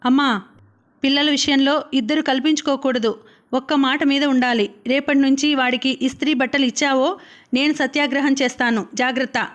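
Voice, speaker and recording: A stern young woman lays down the rules in a firm, insistent voice. Her tone is high and clear, read out by a woman narrating an audiobook. It is a storybook reading. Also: fairly even intonation, normal speed, natural voice. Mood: scolding. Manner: scolding, insistent. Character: stern strict young woman, eldest sister.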